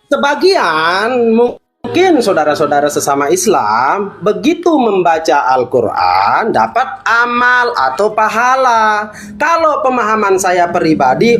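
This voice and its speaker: Lively high-voiced man over faint music. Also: slight background noise. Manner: eager to interject, says he will rebut, polite. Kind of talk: debate over a call.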